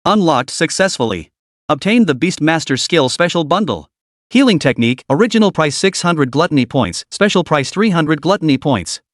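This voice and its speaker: A man voices an apocalypse game system that announces skills and sale prices in a listing cadence. The pitch is a touch high and lively. The sound is close and dry. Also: normal speed, no echo. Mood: announcing.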